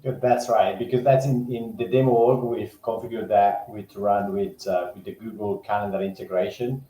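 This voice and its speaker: A man's voice: level tone, normal speed, warm tone. A man on a video call explaining product settings plainly, his voice echoing like he is in a cave. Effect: echoey cave-like sound from a poor mic setup. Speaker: product team member on a demo call. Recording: echoey room with faint rumble.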